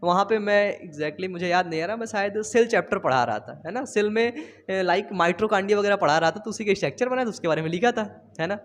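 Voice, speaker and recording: Young male biology tutor, high voice, chatty and teasing. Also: lively intonation, fast, few pauses. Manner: chatty, teasing students, repeats phrases. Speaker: biology teacher. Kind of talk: casual online lesson. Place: home studio.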